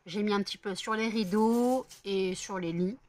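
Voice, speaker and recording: A woman's voice: medium pitch, moderate pace, a little mellow. A woman chatting casually in a home vlog, rambling with many fillers and self-corrections. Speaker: vlogger. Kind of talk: casual daily vlog chat.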